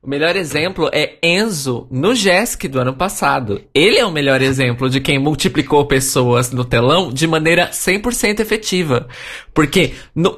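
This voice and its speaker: A man's voice: a little high, a bit bright. A man hosting a casual podcast chat, talking in an opinionated way and laughing often. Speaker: podcast host.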